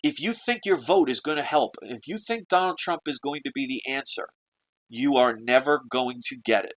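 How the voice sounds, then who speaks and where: A man's voice: mid-range voice, moderate pace, fairly bright tone, rough recording. A man delivering an urgent, preachy video monologue to his viewers, full of rhetorical questions. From United States. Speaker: political video blogger. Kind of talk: ranting monologue to camera.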